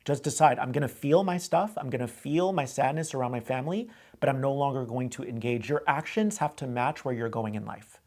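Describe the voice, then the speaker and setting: A call-in advice show host coaches a caller bluntly, often repeating himself. His medium-pitched, slightly mellow voice moves briskly, with hardly any pauses.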